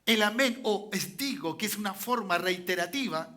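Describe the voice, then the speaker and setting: A man's voice: sits high, expressive, moderate pace, pushed and bright. A male pastor preaching a sermon in a church, repeatedly checking in with "¿cierto?" and calling for amens. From Chile. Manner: repetitive, peppers lines with "¿cierto?" and "¿ya?"; calls for amens from the congregation.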